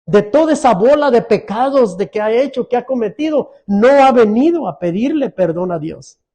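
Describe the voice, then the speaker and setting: Male pastor, sermon, middle-aged, earnest, pleading, asks questions, high warm voice. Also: expressive, moderate pace.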